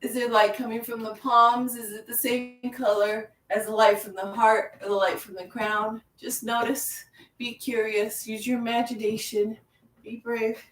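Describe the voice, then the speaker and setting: A woman guides a chair yoga class in a slow, unhurried way, repeating her soothing cues. Her voice sits a little high and sounds roomy, picked up from some distance. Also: level tone, a bit bright. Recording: echoey room, voice from far off.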